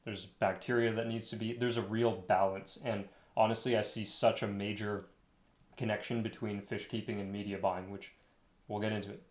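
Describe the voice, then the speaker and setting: A man's voice: lowish voice, level tone, normal speed. A young man telling a rambling story, full of fillers, as he coaches listeners on running an agency. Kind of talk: casual advice monologue. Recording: echoey room.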